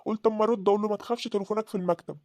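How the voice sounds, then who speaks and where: A woman's voice: medium pitch, steady tone, racing, darkish tone, dry recording, lightly acted. Woman doing a polite Egyptian office coworker. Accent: Egyptian Arabic. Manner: polite, explanatory. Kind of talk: cartoon voice acting.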